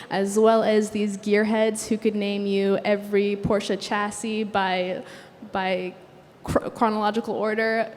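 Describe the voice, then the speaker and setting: A young woman designer from Sudan, whose first language is Arabic, gives an earnest, measured talk on a conference stage in a large hall, with occasional fillers. Her voice is medium-pitched and a little mellow, and the recording carries long hall reverb and faint background noise.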